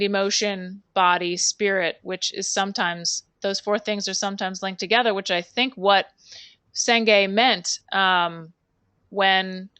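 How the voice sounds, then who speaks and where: A woman's voice: medium pitch, clear, resonant tone, no room sound. A woman host reflecting and responding to her guest, with fillers. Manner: reflective, warm agreement with fillers. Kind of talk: casual chat.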